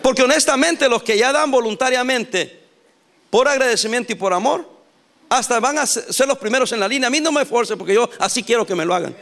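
A male pastor preaching a sermon in a lively, animated way, laughing and acting out quotes. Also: very high-pitched, a little fast.

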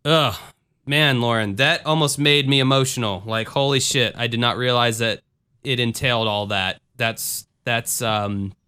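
A man's voice: mid-range voice, steady tone, unhurried, pushed and bright, clean tone. A man hosting a podcast in a casual, informal, conversational style, sometimes reading aloud. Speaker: podcast host.

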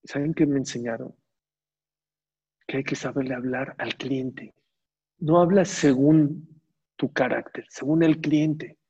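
Speaking slowly and pausing often, a Torah teacher gives a religious lecture in a mid-range, darkish voice with a breathy edge and fairly even intonation. He asks his listeners rhetorical questions and repeats phrases to drive points home. The audio is dull and slightly muffled.

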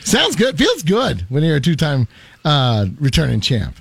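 A man co-hosting sports talk radio with a fairly high voice that swings up and down a lot. He tells joking stories in a casual, animated way. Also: unhurried, vocal fry, slightly rough, no echo.

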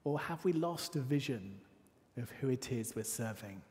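A man's voice: medium pitch, expressive. Man preaching in a reverberant church. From north of England. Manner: storytelling, with dramatic pauses and quiet, hushed asides. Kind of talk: sermon. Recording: church hall with long reverb.

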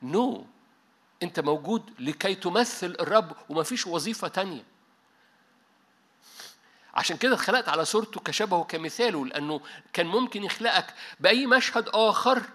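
A man with an Egyptian Arabic accent delivers a sermon in an animated style, slipping into English now and then. His voice sits a little high and rings with a bright, forceful edge. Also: moderate pace, pauses often. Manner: animated preaching with English asides and frequent restarts. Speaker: pastor. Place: church meeting hall.

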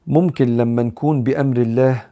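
A man's voice: mid-range voice, fairly even intonation, fast talker, mellow. A man with an Egyptian accent giving a live religious talk, answering questions in a conversational way, mixing in English psychology terms and acting out examples.

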